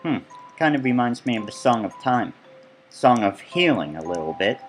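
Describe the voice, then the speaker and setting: A man's voice: mid-range voice, sing-song, normal speed, faint music behind. A man giving casual, rambling gameplay commentary as he tours his own build, full of chatty asides. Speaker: let's play gamer.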